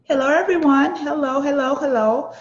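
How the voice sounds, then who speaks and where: A woman's voice: sits high, normal speed, reverberant, highs cut off. A woman chef instructor from Barbados with a Barbadian and Brooklyn accent, introducing herself to an online class in an upbeat, encouraging way.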